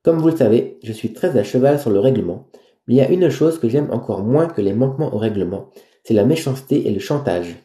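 A man's voice: medium pitch, lively intonation, warm tone, natural voice. A man voicing a stern, formal middle-aged cruise director who lays down the rules. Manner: formal, firm, measured. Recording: roomy echo.

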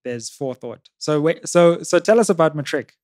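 A young man hosting a casual studio interview, relaxed and encouraging, often dropping to a low murmur. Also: normal speed, no echo. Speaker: interview host. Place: studio with sofas, indoors. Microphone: boom-arm podcast mic.

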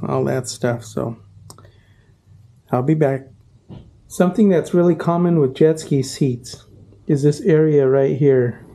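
Middle-aged guy showing upholstery tricks, real dark mellow voice, plain and practical. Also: medium pitch, a little hiss or hum. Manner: plain, practical explaining with fillers and self-corrections. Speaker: auto upholsterer teaching his craft. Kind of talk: casual workshop tutorial. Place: upholstery workshop indoors.

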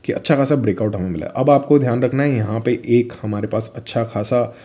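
Mellow-voiced man explaining crypto charts. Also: medium pitch, fairly quick. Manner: chatty Hinglish, addresses viewers as friend, fillers. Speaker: crypto vlogger. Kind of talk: screen-share chart walkthrough.

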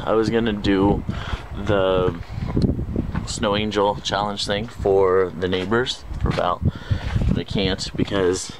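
A man's voice: fairly low pitch, level tone, slow, background noise. A young man chatting casually to the camera in a vlog, rambling and self-deprecating. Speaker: vlogger host.

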